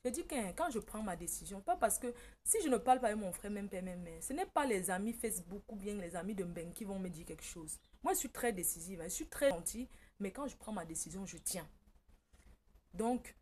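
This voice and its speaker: A woman from Cameroon speaks, recounting a personal story to her viewers as a casual monologue. Her delivery is emphatic and she acts out what her relatives said, with her voice sitting at an ordinary middle pitch. A faint noise sits under her voice. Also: lively intonation, a little fast, a little mellow. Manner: emphatic, tells the story by quoting family members, often breaks into laughter. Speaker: vlogger.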